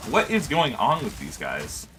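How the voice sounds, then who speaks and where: Guy streaming a game and chatting w chat, super lively up and down voice, bright tone, laughs a lot, desk mic. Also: measured pace, faint music behind. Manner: animated, laughs often, high-pitched yelps. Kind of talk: casual gaming livestream chat. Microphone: desk microphone.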